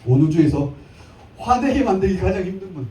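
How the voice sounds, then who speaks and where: A man's voice: high-pitched, animated, a little fast, warm tone, slight background noise. A man in his thirties preaching a live church sermon, playful, with jokes and little acted scenes. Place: church sanctuary. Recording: echoey church hall from a distant mic.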